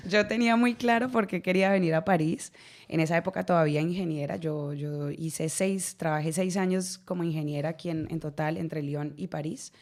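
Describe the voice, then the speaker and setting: In a radio studio, a Colombian actress in her thirties tells her story as an interview guest, her Colombian accent carrying a low, slightly mellow voice that moves a little fast. She laughs often and repeats words as she talks.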